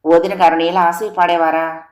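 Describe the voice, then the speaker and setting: A woman voicing a married son who speaks in a measured, mildly reproachful way. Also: on the low side, flat delivery, darkish tone, echoey room, natural voice.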